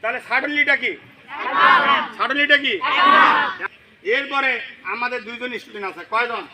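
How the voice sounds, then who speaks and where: A male English teacher drilling children in a classroom, loudly firing the same questions again and again in call-and-response. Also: extremely high pitch, measured pace. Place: busy classroom full of children. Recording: loud noisy crowd of children.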